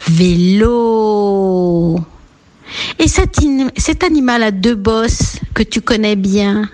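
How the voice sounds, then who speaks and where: A woman gives a lesson for small children in a slow, patient delivery. Her voice sits a little high and swoops up warmly when she encourages. She talks as a teacher guiding little ones step by step. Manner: slow, gentle, lilting teacher voice with big pitch leaps to encourage. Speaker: preschool teacher. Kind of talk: radio lesson for young children.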